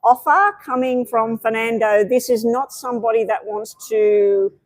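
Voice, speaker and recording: Chatty higher-pitched woman reading tarot. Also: measured pace, no room sound, poor audio. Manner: chatty, meandering, with many fillers. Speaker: tarot reader. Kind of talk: live-stream tarot reading.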